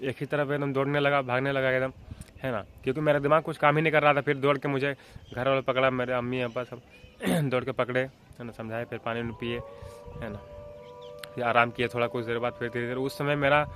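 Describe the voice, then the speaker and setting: A man's voice: medium pitch, little pitch movement, brisk, a bit bright, a little hiss or hum. Rambling young man telling a childhood story. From Jharkhand, India. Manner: rambling, with frequent filler checks like "theek hai" and "hai na"; clears his throat often. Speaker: vlogger. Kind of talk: casual storytelling vlog.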